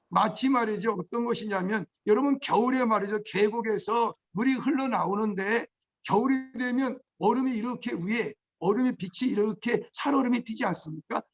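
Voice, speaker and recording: A man with a very high voice preaches an emotional testimony sermon as a pastor. He moves from soft, intimate storytelling to loud, impassioned cries. The recording is dull and lo-fi. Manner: emotional preaching, swinging from hushed storytelling to shouted outbursts.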